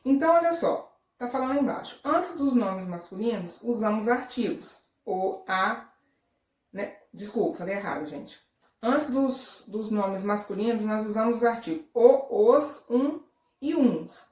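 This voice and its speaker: A woman's voice: a little high, lively intonation, unhurried, a little mellow. A Brazilian woman teaching a recorded lesson to young children, patient and repetitive, often checking "tá?". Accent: Brazilian Portuguese. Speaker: primary school teacher. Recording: echoey room, voice a bit far from the mic.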